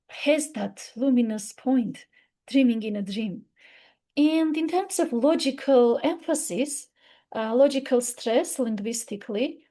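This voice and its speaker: A woman whose first language is Armenian, thinking aloud about a poem. Her voice is mellow and a little high. She pauses often, restarts her sentences and fills gaps with small hesitations. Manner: thoughtful, halting, many fillers and restarts. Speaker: literature commentator. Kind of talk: unscripted talk on a poem.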